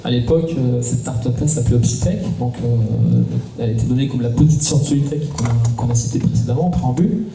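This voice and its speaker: A startup cofounder in his forties, a man from southern France, explains his company during a round-table conversation on a conference panel. His mid-range voice is fast and shows vocal fry, with many hesitant fillers and music underneath. The conference hall is echoey, the mic distant, and there is faint noise.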